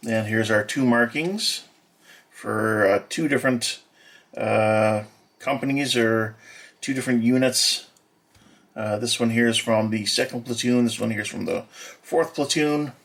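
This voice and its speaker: A man's voice: medium pitch, creaky, fairly bright tone. Hesitant man describing kit parts. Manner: hesitant, many filler pauses; plain, matter-of-fact describing. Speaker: hobby model builder. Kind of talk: unboxing walkthrough.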